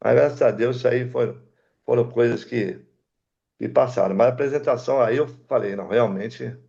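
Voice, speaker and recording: A creaky mid-range voice, fairly quick, comes through dull audio from an older Brazilian aircraft mechanic. As a guest in casual conversation, he's storytelling. He gets animated and plays out the lines of dialogue himself.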